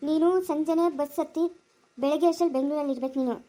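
A woman's voice: sits high, fairly even intonation, very fast, mellow, natural voice. A woman playing an eager young woman who has run away from home and urgently presses her lover on a phone call. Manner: urgent, insistent pleading. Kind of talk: amateur family skit acting.

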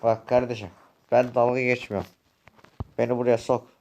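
A man's voice: medium pitch, level tone, normal speed, darkish tone, natural voice. A man voicing a scheming male devil who pushes to be let in, in amateur game voice acting on a home desk mic. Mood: pushy. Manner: pushy, wheedling.

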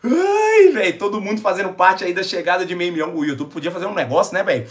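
A Brazilian man hosting a live stream, excitable and emotional, talking in slangy casual chat and close to tears. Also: high voice, fast talker. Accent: Brazilian Portuguese. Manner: excitable, slangy, calls everyone "véi". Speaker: YouTube streamer.

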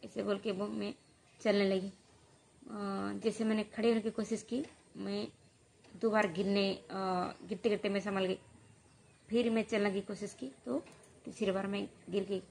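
A woman vlogger recounts a personal story, her voice gravelly and low in melody, barely rising or falling. She speaks haltingly, with frequent pauses and fillers, and grows earnest when she advises the listener. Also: level tone, darkish tone, a little hiss or hum.

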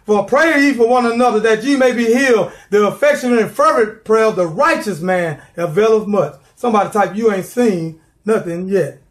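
A man's voice: high voice, normal speed, hardly any pauses. A middle-aged man preaching a sermon from his living room, fervent and repeating words as he builds, calling for responses.

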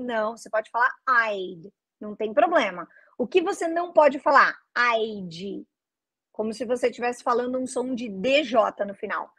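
A woman teaching English pronunciation online, slowly repeating English phrases and then explaining them in to her viewers. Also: sits high, a bit bright, husky. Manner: addresses viewers directly with "gente" and "né".

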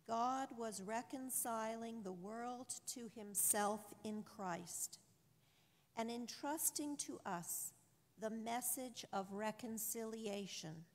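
Slow woman reader in cathedral echo. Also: on the high side. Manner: measured, solemn reading aloud. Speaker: lector. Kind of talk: slow liturgical scripture reading. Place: large church. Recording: long church reverb.

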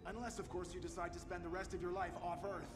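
An actor playing a cheery, salesy male corporate CEO, giving an upbeat promotional pitch with breezy asides. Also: level tone, fast talker, echoey room, in a large hall, music in the background, close to an everyday voice. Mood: chipper. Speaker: company CEO in a game video.

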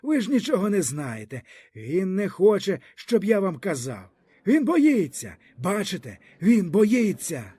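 An anguished peasant leader, as a male reader plays him begs and pleads in a raised, urgent voice. The tone is husky and mellow, and his pitch swings widely between phrases. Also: huge pitch swings, unhurried, dry recording, exaggerated voice. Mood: desperate.

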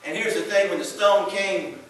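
Guy preaching a sermon, high voice, booming echo, bit far off, faint hum. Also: moderate pace. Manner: preaching with Bible readings, builds to shouts.

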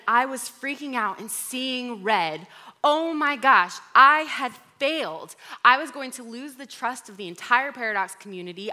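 Bright-voiced woman pastor sharing a story. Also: on the high side. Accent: American. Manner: candid personal storytelling, animated in retelling. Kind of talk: conversational sermon.

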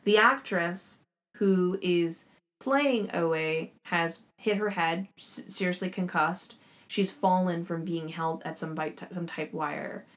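A woman's voice: fairly low pitch, takes it slowly. A young woman hosting a show, giving an enthusiastic, rambling recap and commentary on a series, swearing casually as she goes. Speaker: show host reviewing a series.

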